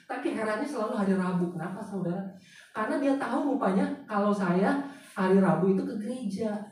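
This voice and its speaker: A man's voice: sits high, lively intonation, fairly quick, a little mellow. Chatty man preaching in an echoey hall. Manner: chatty, often turns to the congregation with questions. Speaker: pastor. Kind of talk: storytelling sermon. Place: large church hall. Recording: very echoey hall, voice picked up from far off, faint noise.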